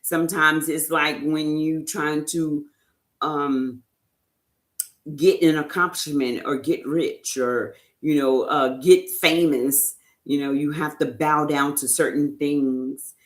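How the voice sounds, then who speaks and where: A woman's voice: low voice, fairly even intonation, slow. A woman giving an informal faith talk as an inspirational speaker, speaking in a conversational, emphatic way with frequent "you know" asides. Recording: roomy echo.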